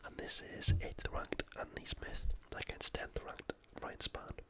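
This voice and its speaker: A UK host of ASMR fight preview videos delivers casual sports commentary in a breathy, unvoiced whisper, taking his time.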